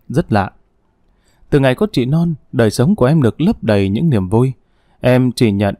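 A male audiobook storyteller with a mellow, dark voice, reading at a calm, measured pace with quiet feeling. The sound is dry and close, with no room around it. His pitch sits in an ordinary middle range. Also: dry recording. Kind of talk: dramatic audiobook narration.

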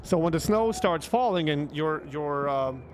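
Telling a story to his stream chat, this young Croatian-accented streamer sounds animated and a little slow, his pitch fairly high. He swears a lot and repeats words for emphasis, keeping things casual. He sits close to a desktop mic with a headset, and faint music plays behind him.

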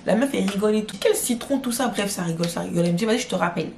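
A woman's voice: medium pitch, racing, creaky, a little hiss or hum. A young woman vlogger retelling a drama in a casual, slangy storytime, talking straight to her viewers. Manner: slangy, addresses viewers directly, animated retelling. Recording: roomy echo.

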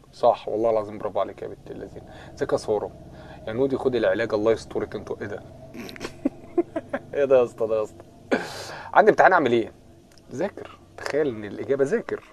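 Fast-talking Egyptian young man livestreaming. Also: medium pitch, a little hiss or hum. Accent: Egyptian Arabic. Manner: joking, greets viewers by name, breaks into loud laughter. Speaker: livestream host. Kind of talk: casual live chat reading comments.

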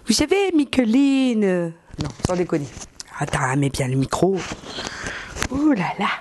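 A woman's voice: mid-range voice, very animated, measured pace, darkish tone, slight background noise. A woman vlogger giving a casual hair tutorial, chatty and rambling, hamming it up with a comic put-on accent. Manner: playful, putting on a comic accent; rambling, chatty asides to the viewer. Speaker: beauty vlogger.

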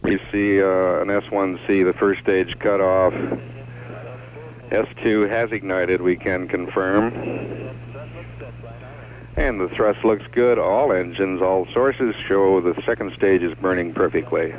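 A tinny, faintly noisy 1960s radio line carries a low-pitched man. He gives measured, factual spaceflight commentary as a launch announcer. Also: fairly even intonation. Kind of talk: live mission commentary.

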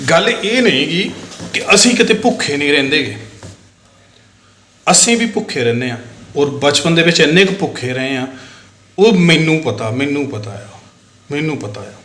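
A man's voice: a little high, a bit bright, echoey room. A man giving casual commentary on viral videos to his viewers, talking straight to them and repeating his points. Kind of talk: casual Punjabi commentary vlog. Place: indoor room in Bahrain.

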